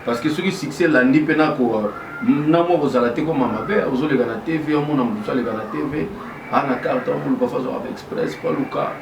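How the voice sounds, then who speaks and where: This Congolese guest's medium-pitched, creaky voice comes across halting as he switches between French and Lingala in a casual interview. The recording is noisy and echoey, with the mic placed far from him.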